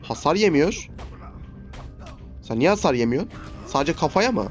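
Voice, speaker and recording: A man's voice: fairly high pitch, very animated, moderate pace, soft background music. A young man casually commenting on his own gameplay, often frustrated and exclaiming at the fight. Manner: frustrated, swearing, exclaiming at the game. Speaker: gaming YouTuber.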